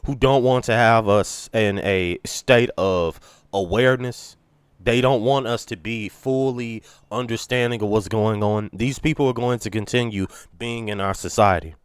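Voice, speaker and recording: A man's voice: lowish voice, clear, resonant tone, dry recording. A congested, sick man delivering an earnest, rambling preaching monologue to his channel viewers. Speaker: channel host. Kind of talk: monologue to camera.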